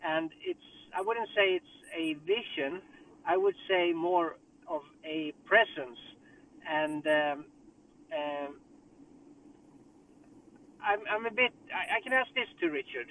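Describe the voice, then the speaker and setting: A man calling in on a speakerphone while driving home, thinking aloud with halting restarts and sounding a bit distracted. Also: a little high, a little hiss or hum. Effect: car speakerphone call while driving. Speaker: caller in a group discussion. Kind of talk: casual group call chat. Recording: tinny distant phone line from a car.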